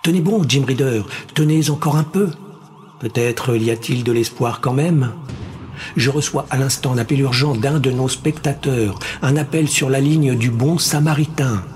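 A man voicing a slick, dramatic male television game-show host in an audiobook, working the audience with theatrical pauses and cries. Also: mid-range voice, a little mellow, a little hiss or hum, lightly acted. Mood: urgent. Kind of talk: audiobook character voice.

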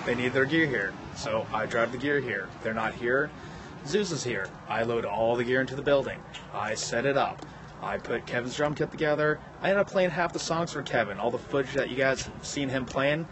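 A man's voice: mid-range voice, normal speed. Profane griping man, noisy outdoors. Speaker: studio helper. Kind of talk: casual rant to camera.

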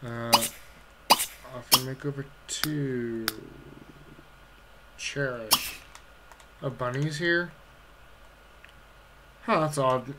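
A woman commenting casually on her own game play, irritable and swearing as she mutters orders at her characters. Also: a bass voice. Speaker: let's play gamer. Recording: loud noise behind the voice.

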